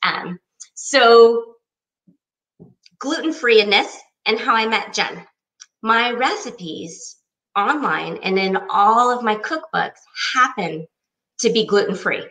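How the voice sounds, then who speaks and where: A woman's voice: fairly high pitch, lively intonation, slow, a bit bright, roomy sound, recorded from a distance, low-quality recording. A woman in her forties, a cookbook author, telling her personal story in a chatty, enthusiastic way. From United States. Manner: chatty and enthusiastic, acts out quoted voices.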